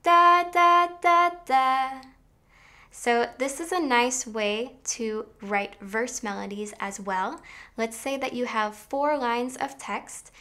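A young woman teaches songwriting in an online lesson, explaining in an upbeat way and sometimes singing short phrases to demonstrate. Her voice is a little high and her pace slow.

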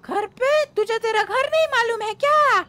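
A woman's voice: very high voice, normal speed, bright, forceful tone. A woman voicing a menacing female ghoul who lures a child with false sweetness, in a game role-play. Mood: sly coaxing. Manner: falsely sweet, then gloating.

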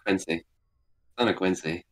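A man's voice: deep voice, moderate pace. A man chatting casually on a game stream, teasing his friends by repeating the same joke.

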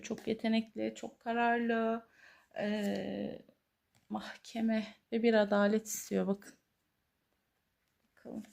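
A woman giving a tarot reading to her viewers, earnest, pausing often with drawn-out fillers. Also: a little high, gravelly. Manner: hesitant, many drawn-out fillers, soft and earnest. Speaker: tarot reader.

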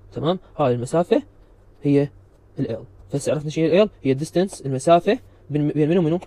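A man's voice: fairly high pitch, dark tone, dry recording. A man giving a recorded physics lecture, explaining step by step and checking understanding with repeated questions.

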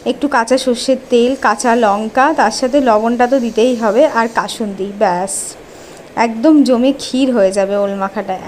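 A woman's voice: high-pitched, darkish tone. A pregnant woman from West Bengal chatting casually as she cooks for her village vlog, explaining each step. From West Bengal, India. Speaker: village vlogger. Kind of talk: casual cooking vlog chat. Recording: faint background noise.

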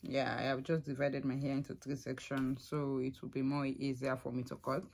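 A young adult woman vlogging casually to camera, emotional and soft-spoken, repeating herself often. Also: a bass voice, little pitch movement, normal speed, gravelly.

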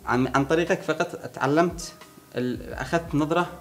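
A young man, answering a friend's questions in relaxed chat, pausing and restarting as he thinks. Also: fairly high pitch. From Sanaa region, Yemen. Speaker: conversation partner answering. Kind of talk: casual chat between friends.

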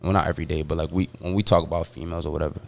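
A man's voice: sits low, steady tone, very fast, vocal fry. A man guesting on a podcast, talking hesitantly with slang and many fillers. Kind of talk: casual podcast chat.

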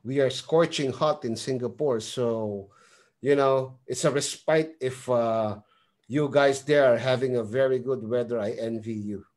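A man's voice: medium pitch, a little slow, darkish tone. Hesitant male host full of fillers. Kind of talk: casual video call interview. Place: home studio.

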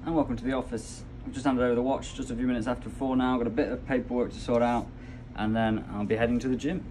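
A man's voice: medium pitch, fast talker, noisy background. A young man in his twenties, a ship's deck officer, casually explaining his workday into a phone held at arm's length in rooms on board. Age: young adult. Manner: relaxed, explanatory, conversational. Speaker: cruise ship deck officer vlogging his day. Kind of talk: casual vlog narration. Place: indoors on a ship, offices and mess rooms.

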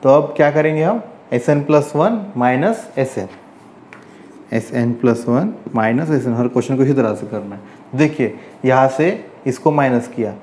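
A man's voice: mid-range voice, lively intonation, moderate pace, a little mellow, slight background noise. A man teaching a maths lesson step by step, often asking rhetorical questions as he works through each line. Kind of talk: chalkboard maths lecture.

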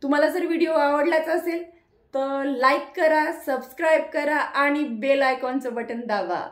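Mom vlogging at home, high voice, keeps gently nudging w/ short questions, roomy echo. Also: female voice, normal speed. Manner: gently coaxing, repeatedly prompting with short questions. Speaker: mother and vlogger. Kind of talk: casual home vlog. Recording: echoey room.

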